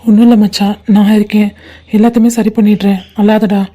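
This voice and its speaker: A woman's voice: high-pitched, fairly even intonation, moderate pace, dark tone, close to an everyday voice. A woman voicing a loyal young man in a cartoon, consoling his best friend and scolding him with affection. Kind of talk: cartoon voice acting.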